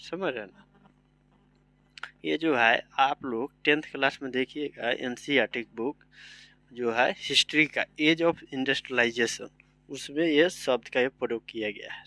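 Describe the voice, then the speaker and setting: A man's voice: medium pitch, pushed and bright, no room sound. A man teaching a vocabulary lesson. He spells each word out letter by letter and keeps asking if his students follow. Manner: spells words letter by letter, often asks "samajh rahe na".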